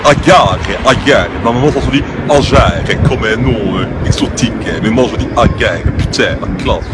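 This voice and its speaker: A man playing a brash, swaggering young street thug with a loud, nasal Brussels accent, recorded outside on a noisy street. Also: mid-range voice, moderate pace, pitched below the performer's own voice, close to an everyday voice. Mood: boastful.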